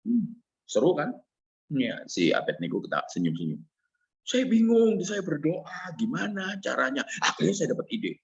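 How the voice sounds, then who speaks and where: Lively middle-aged preacher man, lo-fi. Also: a little high, moderate pace, vocal fry. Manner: lively, teasing audience with questions. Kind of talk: sermon. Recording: dull lo-fi sound.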